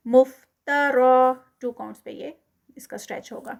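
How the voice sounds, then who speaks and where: A woman with a somewhat high voice gives a recitation lesson. She draws each word out slowly and clearly, then drops to a softer, brisker voice to explain the rule. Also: steady tone. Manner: slow drawn-out model recitation, then quiet quick explanation. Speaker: Quran recitation teacher. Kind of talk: recitation lesson, Urdu with English terms.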